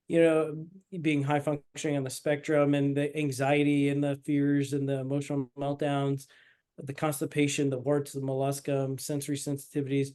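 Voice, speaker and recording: A male doctor hosts the interview in a slightly high, flat voice that barely rises or falls. He speaks hesitantly, leaning on fillers as he gently prompts his guest to tell her story. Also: clear, resonant tone. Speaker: naturopathic doctor hosting the interview. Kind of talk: interview questions.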